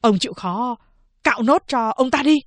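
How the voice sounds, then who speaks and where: A woman's voice: fairly high pitch, animated, moderate pace, no room sound, pitched above the performer's own voice, lightly acted. A dutiful prison guard, firm and insistent as he refuses a request, voiced by a woman reading aloud. The storybook recording is close and dry.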